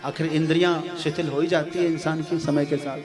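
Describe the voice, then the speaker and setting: A male preacher tells a devotional story in a slightly high voice and acts out the characters as he goes. Music plays behind his sermon. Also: fairly quick. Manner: animated storytelling, acting out the characters.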